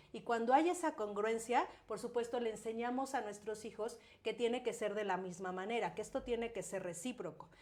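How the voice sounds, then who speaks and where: Woman, parenting guest, fairly high, animated, playful quoted voices. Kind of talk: casual conversational interview.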